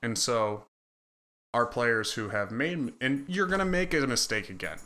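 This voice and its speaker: A man's voice: medium pitch, lively intonation, measured pace, bright, forceful tone. A man from Michigan, a football line coach, co-hosting a casual podcast and explaining his coaching rules in an earnest, instructive way.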